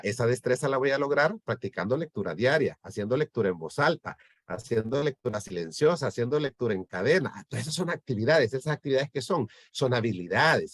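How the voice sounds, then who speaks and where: A teacher trainer with a mid-range voice lectures teachers on lesson planning, explaining and checking in with listeners by repeatedly asking "¿verdad?". There's no echo in the recording.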